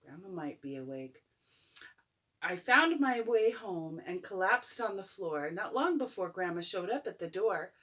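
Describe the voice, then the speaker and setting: Unhurried older woman reading a bedtime story. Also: fairly low pitch. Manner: expressive, playful, talking to a child listener. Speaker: grandmother reading a picture book. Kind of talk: bedtime story read-aloud with chatty asides.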